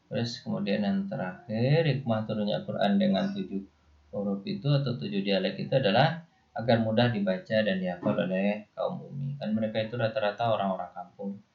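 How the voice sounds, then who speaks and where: A man teaches an Islamic studies class, speaking in a loose, explanatory manner with a light Indonesian accent and many "ya" and "nih" asides. His fairly low voice carries vocal fry. It comes through a dull, lo-fi lecture recording.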